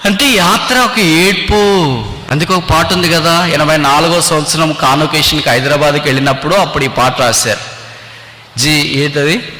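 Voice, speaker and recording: A man's voice: medium pitch, sharp tone. A man preaching a sermon, exhorting with rhetorical questions and quoting scripture, with English phrases mixed in. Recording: echoey hall.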